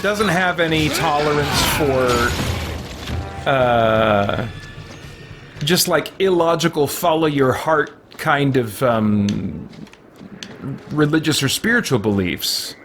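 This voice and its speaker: A middle-aged man hosts a gaming video, giving casual let's play commentary as he muses and thinks aloud. His voice is fairly high and fairly bright, and music plays in the background.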